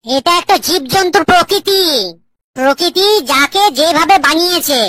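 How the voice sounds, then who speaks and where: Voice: extremely high pitch, normal speed, bright, forceful tone. A voice actor playing a flustered woman English teacher in a cartoon, scolding her class. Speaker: schoolteacher.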